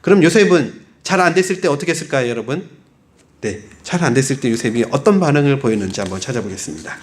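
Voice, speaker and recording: A man preaching in a lively, conversational way, his pitch rising and falling freely. He puts questions to the congregation and acts out little everyday exchanges as examples. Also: fast talker, slight background noise. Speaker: pastor. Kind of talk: sermon.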